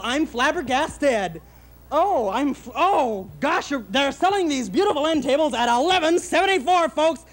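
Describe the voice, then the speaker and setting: A young man playing a fast-talking TV furniture pitchman in a comedy sketch, hard-selling, flustered and bursting into shouts, on a handheld mic in a TV studio. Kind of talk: parody local TV furniture commercial. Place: TV studio set. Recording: 1960s TV broadcast.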